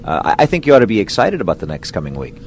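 A man hosting a sports radio interview show in a smooth, polished broadcaster's delivery. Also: lowish voice, huge pitch swings, rapid-fire, slight background noise.

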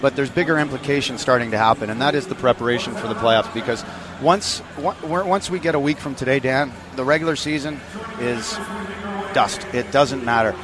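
An emphatic man talking on a sports radio broadcast with a mid-range voice. He stacks his points in lists and repeats them for weight. Steady background noise sits clearly under him. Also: mid-range voice, fairly quick. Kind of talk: pregame radio commentary.

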